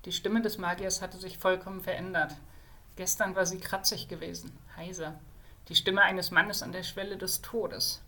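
A woman's voice: on the low side, steady tone, normal speed, sharp tone. A woman reading a fantasy novel aloud, now and then adding short asides to her listeners.

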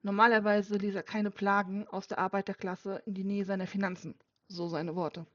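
Woman calmly reading an audiobook. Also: mid-range voice, normal speed, dry recording. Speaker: audiobook narrator. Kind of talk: scripted first-person narration. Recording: dull dry lo-fi recording.

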